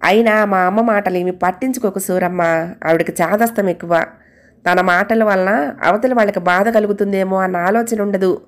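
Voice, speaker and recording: Woman voicing a calm, patient husband. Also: on the high side, normal speed, natural voice. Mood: gentle. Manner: gentle, soothing. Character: calm patient husband, middle-aged man.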